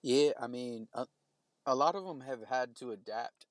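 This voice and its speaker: A man's voice: mid-range voice, moderate pace, dry recording. A man talking casually on a podcast, rambling with many stops and restarts.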